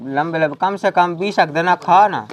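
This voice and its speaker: A man's voice: a little high, normal speed, highs cut off, close to an everyday voice. A man playing a village remedy seller in a comedy sketch, talking in a boastful, rambling way. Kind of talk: rural comedy sketch acting.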